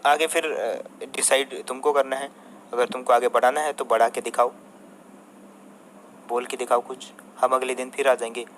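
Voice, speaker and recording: A man's voice: mid-range voice, fairly even intonation, normal speed, a bit bright, rough recording. Young man, game streamer, combative rant, constant swearing, faint background hiss. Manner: addresses the viewers and a rival by turns. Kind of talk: angry rant to viewers.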